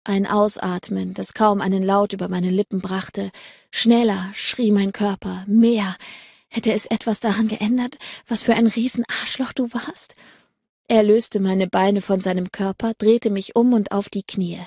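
A woman narrating a romance audiobook in a slow, measured, intimate reading. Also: mid-range voice, steady tone, creaky, husky, no room sound, lo-fi sound.

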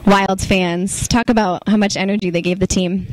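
A young woman reporting on a hockey game and asking crisp, scripted questions into a handheld mic. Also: mid-range voice, fairly even intonation, moderate pace, low-quality recording. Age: young adult. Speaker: sideline reporter. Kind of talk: sports interview reporting.

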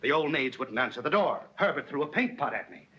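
An actor playing an anxious, flustered young law clerk in a 1930s film, on a dull old soundtrack with hiss. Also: male voice, medium pitch, animated, brisk, pushed and bright. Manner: flustered, talks himself into a state.

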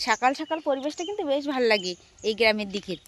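A woman's voice: fairly high pitch, sing-song, racing, a bit bright, slight background noise. A woman from the Sundarbans narrating a casual village vlog outdoors, chatting to viewers as friends while walking. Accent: Bengali, Sundarbans. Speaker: vlogger.

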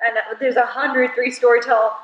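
A woman's voice: fairly high pitch, level tone, moderate pace, lo-fi sound. A young woman hosting a casual card game at home, giggly and rambling as she explains the rules. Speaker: host of a card game video. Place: home living room. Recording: echoey room, mic at a distance.

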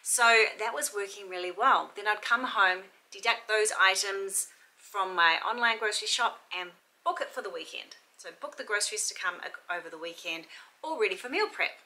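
A woman's voice: medium pitch, moderate pace, sharp tone, rough recording. A woman, chatting upbeat and rambling to camera at home about her week. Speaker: lifestyle vlogger. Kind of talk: casual chat to camera. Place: home room, then kitchen table.

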